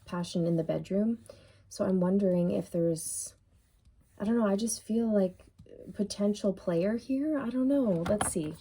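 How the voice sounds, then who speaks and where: A mellow, mid-range female voice drifts through a casual tarot reading, unhurried and heavy on fillers, as she explains she's losing her voice. Slight background noise is present.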